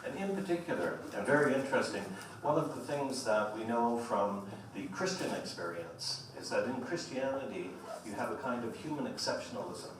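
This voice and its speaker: A man hosting an evening lecture, giving a formal but loose introduction in a halting manner with repeated phrases. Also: medium pitch, lively intonation. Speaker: host introducing a guest speaker. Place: large echoey indoor room at a public lecture. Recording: echoey hall, distant mic, faint noise.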